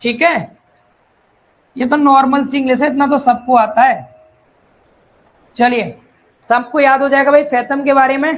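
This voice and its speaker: Male tutor with a high voice, repeats terms, reads definitions slowly. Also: fairly even intonation, a little hiss or hum, poor audio. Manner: repeats key terms, calls students brother and child; reads English definitions slowly, then explains in Hindi. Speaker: civil engineering teacher. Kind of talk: online exam-prep lecture.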